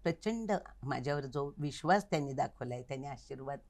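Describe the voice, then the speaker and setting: In a recording studio, an older woman who teaches Kathak dance talks as an interview guest in a very deep, slightly mellow voice that is animated and fairly quick. She is reflective, earnest and instructive, stressing what matters most.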